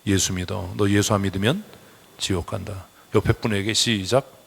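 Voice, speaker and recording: A man's voice: fairly low pitch, fairly even intonation, moderate pace, gravelly, slightly rough. Blunt scolding male pastor. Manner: blunt, scolding, calls for amen responses. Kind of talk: sermon. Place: church sanctuary.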